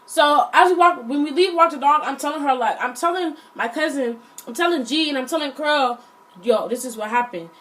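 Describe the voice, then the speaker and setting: A young woman, telling a storytime vlog. She is chatty and full of slang, and she acts out what everyone said in lively bursts. Her delivery stays casual and animated. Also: high voice, a little fast, few pauses, rough recording. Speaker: vlogger.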